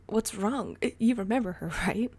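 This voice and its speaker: A woman voicing an excitable, defiant teenage boy borrower who talks loudly and breathlessly in a storybook reading. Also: a little high, moderate pace, voice pushed up. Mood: excited, insistent. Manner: loud, breathless and emphatic.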